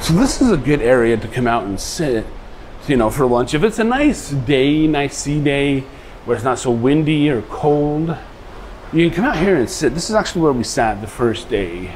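A man with an easygoing, rambling manner walks through a buffet restaurant and talks into a handheld camera. His pitch sits in the ordinary middle range for a man. Clear background noise from the dining room runs under his voice. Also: expressive, normal speed, darkish tone, low-quality recording. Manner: easygoing, rambling tour talk. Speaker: travel vlogger. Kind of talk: casual walkthrough narration. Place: ship buffet restaurant, indoors.

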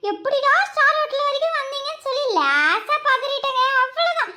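A woman's voice: extremely high pitch, animated, brisk, very noisy. A woman playing a jealous, scolding wife who cries out and laments dramatically in a comedy skit. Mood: wheedling. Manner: dramatic lamenting, crying out to God. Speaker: comic actor in a skit.

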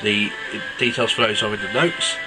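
At a normal speed and in a lowish voice, a man congested from a cold gives a relaxed, rambling review of a mobile game with many ums. He's an app reviewer, heard over poor audio with loud game music playing.

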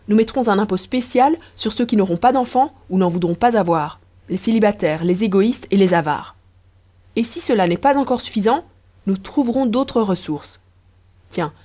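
A woman voicing a playful, scheming young empress who speaks in a lively, persuasive, teasing way. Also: medium pitch, close to an everyday voice.

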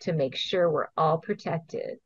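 A middle-aged Hawaiian program manager for invasive species, interviewed as a guest, speaks in a voice that sits low and a little slow. Her casual answers are earnest and step by step, broken by the odd laugh. She's on a video call from home, and the recording sounds dull and dry.

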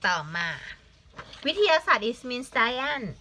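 A young woman teaches children, her voice bright and a little high. She spells each word letter by letter, patiently asks the class for answers, and slips in short English glosses. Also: lively intonation, slow pace, slight background noise. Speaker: Thai language teacher. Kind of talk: online language lesson for children.

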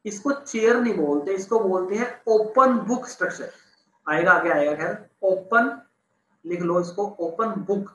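High-voiced man teaching chemistry, echoey room. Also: a little slow, fairly bright tone. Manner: casual, repeats terms, checks students follow. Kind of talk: online class explaining on a board.

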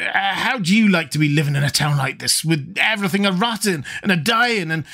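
A man voicing a terrified, raving old drunkard who shouts shrilly in rustic dialect. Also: high-pitched, creaky, voice pushed up, exaggerated voice.

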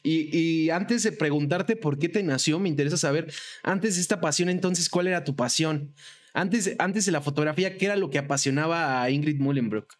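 Mexican podcast host with rambling questions. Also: male voice, on the high side, moderate pace. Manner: rambling questions with many fillers. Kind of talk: casual interview.

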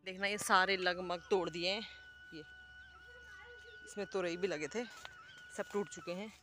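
A woman's voice: on the low side, steady tone, unhurried, sharp tone, slight background noise. A woman in her thirties with an Uttarakhand Hindi accent, casually narrating a village vlog as she explains farm work step by step. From India. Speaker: vlogger. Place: outdoors by rice fields and farmyard, then home kitchen. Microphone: phone camera, often held at arm's length.

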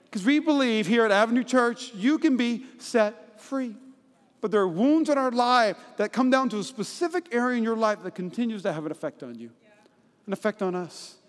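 A man in his thirties delivers a lively, joking sermon with a very high-pitched voice. His words ring out with long reverb through a church hall. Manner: energetic, jokey, rhetorical asides. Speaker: pastor. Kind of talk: sermon with comic storytelling. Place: church auditorium.

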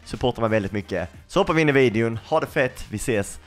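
A man's voice: mid-range voice, lively intonation, faint music behind. A young man hosting his gaming channel, giving an upbeat, scripted intro to his viewers. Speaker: YouTuber, channel host.

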